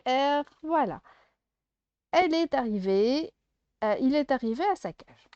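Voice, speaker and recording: A woman's voice: sits high, lively intonation, measured pace, darkish tone, clear, resonant tone, no echo, lo-fi sound. A woman teaching a first-grade phonics lesson, patiently sounding out syllables and letter sounds for a child.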